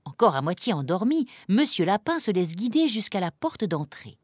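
A woman narrating a children's story in a lively, expressive reading voice. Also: mid-range voice, moderate pace, dry recording, clean studio sound.

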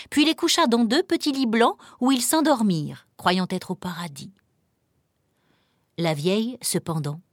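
A woman narrating a fairy tale in a calm, measured reading with dramatic pauses. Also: mid-range voice, no echo, studio quality. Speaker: storyteller.

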